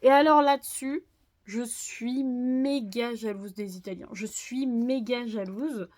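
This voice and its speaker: A woman's voice: a little high, slow, a little mellow. A woman chatting casually to her viewers as she shows off a haul of new books, with lots of fillers and little laughs. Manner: chatty, frequent "euh" fillers, laughs at own jokes. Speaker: manga haul vlogger. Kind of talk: casual unboxing chat to viewers.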